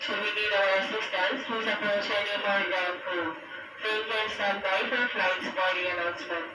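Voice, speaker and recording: A man reading formal boarding announcements over an airport public address loudspeaker, in a measured, even delivery. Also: sits high. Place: airport departure gate area, indoors. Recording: echoey loudspeaker from far off, loud music.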